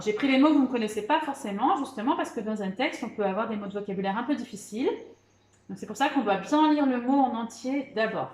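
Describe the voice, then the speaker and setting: A woman teacher with a fairly high voice leads a spelling lesson, slow and patient, calling out letters one at a time. Her voice rings a little in an echoey room. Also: a little mellow. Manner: encouraging, repeats "d'accord" and "très bien". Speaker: primary school teacher. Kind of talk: remote spelling lesson for children.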